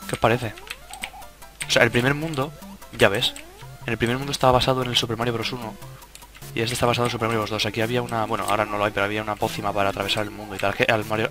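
A young man with a Spain Spanish accent giving casual let's play commentary, swearing and cutting himself off mid-sentence. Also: on the low side. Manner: casual, swearing, self-interrupting. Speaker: gaming YouTuber. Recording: game music behind the voice.

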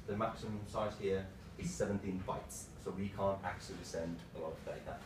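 A man in his thirties giving an informal tech lightning talk in short, halting phrases. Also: low-pitched, fairly even intonation. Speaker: tech presenter, developer. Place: small meeting room, indoors. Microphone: far camera microphone. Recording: roomy, distant mic with clear background noise.

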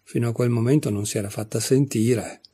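Husky-voiced male audiobook reader. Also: mid-range voice, steady tone, a little fast, warm tone. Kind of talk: scripted storybook narration.

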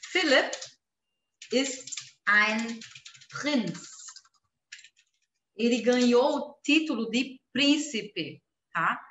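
A woman teaching a live online language lesson, explaining slowly, repeating words and checking in with her viewers. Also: a little high, pushed and bright, echoey room, slight background noise. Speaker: German teacher.

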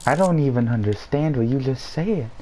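A woman's voice: rumbling low, lively intonation, normal speed, dark tone. A woman chatting casually with friends while playing a game, playful and often laughing as she calls out loot. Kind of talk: casual gaming chat. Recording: noisy home recording.

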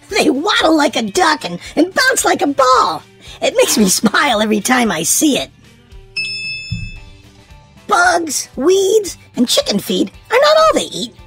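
Reading a children's storybook aloud, a woman with a high voice uses an expressive, sing-song delivery, stressing key words for young listeners.

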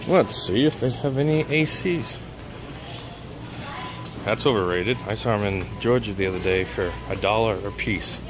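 A middle-aged man, chatty and upbeat, narrating a casual vlog to a handheld camera. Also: on the low side. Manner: chatty and upbeat, talks to viewers as he goes. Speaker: vlogger and truck driver. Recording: noisy handheld recording.

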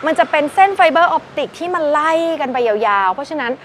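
A woman's voice: high voice, expressive, fast, slight background noise. A young woman giving a chatty, gushing walkaround review of a car and talking straight to the viewers. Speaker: used car sales presenter.

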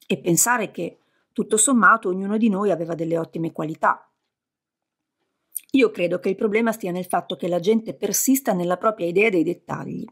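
A woman reading as a dreamy, gravelly male god. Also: fairly low pitch, fairly bright tone. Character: dreamy, wistful male deity.

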